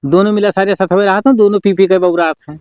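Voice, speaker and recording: A man's voice: sits high, fairly even intonation, fast, a little mellow, smooth, no echo, clean studio sound, close to an everyday voice. A man playing an exasperated, hard-working village father who grumbles in an Awadhi accent in an amateur comedy sketch. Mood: worried, complaining. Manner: complaining, grumbling.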